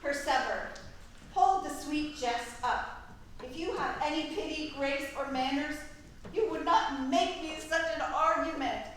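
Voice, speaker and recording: Woman acting a bright, high-voiced, wounded Helena onstage. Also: a little slow. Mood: hurt, indignant. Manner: theatrical, pleading, projected stage delivery. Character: tall, timid, wounded young Athenian woman in love. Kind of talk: staged reading of Shakespearean comedy. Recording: echoey room from far off, faint noise.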